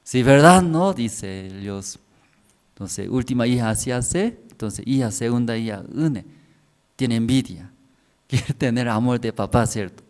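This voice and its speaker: Slow-talking Korean pastor, man. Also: medium pitch. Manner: anecdotal, broken Spanish, asks the congregation "¿cierto?", swings between soft and loud. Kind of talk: sermon.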